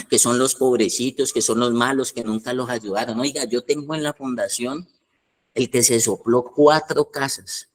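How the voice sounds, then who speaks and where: Emphatic preacher man. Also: medium pitch. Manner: emphatic, repetitive, colloquial preaching. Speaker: apostle and head of a rehab foundation. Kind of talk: sermon.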